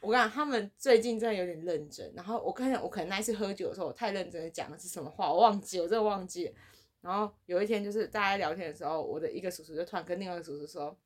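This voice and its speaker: A woman's voice: lowish voice, racing. A young woman, co-hosting a podcast in casual chat, telling stories animatedly and laughing often. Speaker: podcast co-host.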